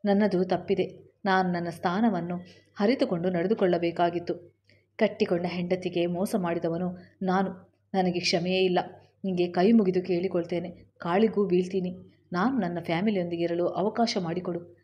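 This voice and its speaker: A woman voicing an unfaithful young husband who pleads in a hurried voice. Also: lowish voice, steady tone, lo-fi sound, close to an everyday voice. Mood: pleading.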